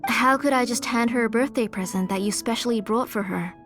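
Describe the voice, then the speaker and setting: A woman's voice: a little high, brisk, close to an everyday voice. A woman playing an earnest, devoted auntie who blames herself, in a video game. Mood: apologetic. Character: earnest, self-blaming, devoted older auntie. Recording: music behind the voice.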